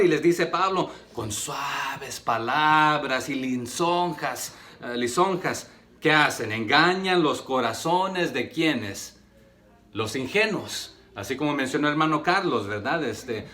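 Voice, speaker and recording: Un hombre que predica un sermón en español latinoamericano y le hace preguntas a la congregación. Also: male voice, a little high, pushed and bright. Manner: rhetorical questions to the congregation, many fillers. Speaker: preacher. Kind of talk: sermon.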